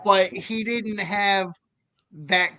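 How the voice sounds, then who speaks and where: Bright, high-voiced podcast host man. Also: steady tone. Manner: quick, chummy, reads comments aloud. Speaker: podcast host reading listener comments. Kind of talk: casual podcast chat.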